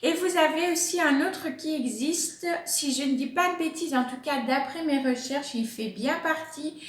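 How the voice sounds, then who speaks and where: A woman's voice: sits high, moderate pace, reverberant. A woman hosting a plant vlog from home, explaining in a casual, chatty way with many hesitations and fillers. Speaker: plant channel host.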